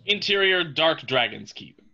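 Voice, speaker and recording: A man narrates stage directions from a script. His voice is slightly high and very sharp, on a somewhat dull recording. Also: sing-song, measured pace, creaky.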